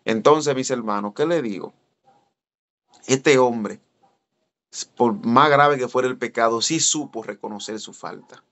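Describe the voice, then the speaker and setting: A man's voice: measured pace, pauses often. A man, an evangelist telling a story in a sermon and speaking straight to his listeners. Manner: animated, addresses listeners directly, voice jumps high when excited. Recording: dull lo-fi recording.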